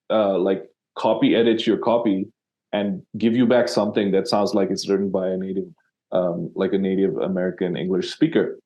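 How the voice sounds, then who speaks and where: A man's voice: fairly low pitch, mellow, muffled recording. A man from Sri Lanka, a copywriter guest in an interview, talking casually with many fillers and restarts.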